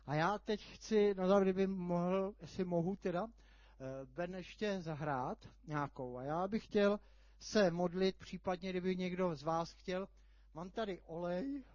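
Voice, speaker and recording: A man preaching a sermon, telling a vivid story with sudden loud outbursts. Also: high voice, dry recording. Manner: animated storytelling, sudden shouts. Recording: dull lo-fi sound.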